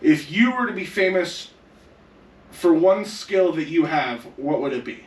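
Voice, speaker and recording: A young man co-hosts a casual gaming podcast, upbeat and steering the conversation with questions. His fairly high voice is animated and a little slow, and the recording has a roomy echo, a distant mic, and faint noise.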